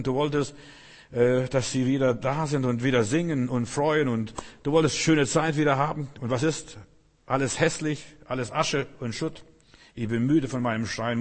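A man preaching an impassioned sermon, building repeated phrases and swinging between loud rallying and hushed moments. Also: medium pitch. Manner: impassioned, rising and falling emphasis, repetitive cadence. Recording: long hall reverb.

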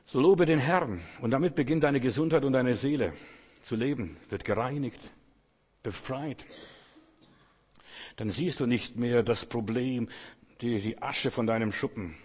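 A man's voice: medium pitch, unhurried, long pauses, darkish tone, slightly rough, in a large hall. A man preaching a sermon in German, fervently exhorting his listeners and speaking to them directly.

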